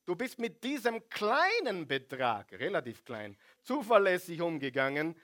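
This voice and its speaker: A man voicing a pleased, generous master praising his servants, booming and exuberant. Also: wildly swooping pitch, a little slow, fairly bright tone, heavily acted.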